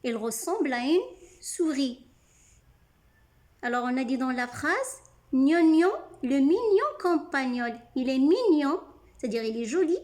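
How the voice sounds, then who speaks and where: A woman teaching young children to read, sounding out syllables slowly and clearly. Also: high voice, expressive, darkish tone. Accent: French-speaking North African. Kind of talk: slow, deliberate reading lesson for children.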